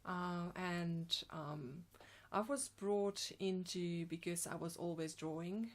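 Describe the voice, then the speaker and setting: A Slovenian woman in her forties speaks English with a clear Slovenian accent. She talks slowly and carefully, often stopping with ums to find the next word. Her voice sits a little low. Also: steady tone. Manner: hesitant, many ums and restarts. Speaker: graphic designer, guest. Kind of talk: casual interview answers.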